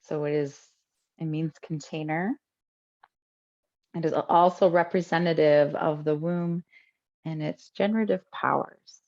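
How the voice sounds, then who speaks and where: Muffled audio captures a low-pitched woman guiding a breathing meditation. She gives each instruction calmly and slowly, then leaves a long pause before the next.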